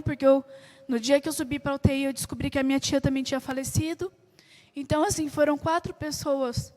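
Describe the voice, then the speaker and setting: A woman's voice: high voice, a little mellow, in a large hall. A young Brazilian woman giving an earnest personal testimony, retelling dialogue with small hesitations. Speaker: church member giving a testimony.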